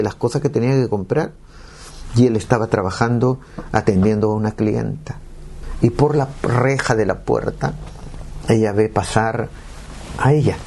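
A man's voice: mid-range voice, vocal fry, warm tone, slight background noise. A man, giving an earnest, emotional personal testimony.

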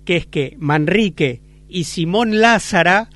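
A man's voice: high voice, slow pace, fairly bright tone, no room sound. A man with an Argentine Spanish accent interviewing a guest, chiming in with short remarks and facts. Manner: brief interjections, supplies facts. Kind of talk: interview questions.

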